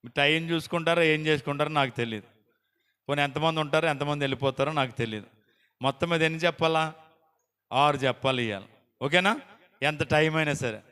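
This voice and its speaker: A man preaching a sermon as pastor, quizzing his congregation with repeated call-and-response questions and loudly calling out praise. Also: fairly high pitch, moderate pace, long pauses, clear, resonant tone. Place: prayer house hall. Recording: long reverb of a church hall.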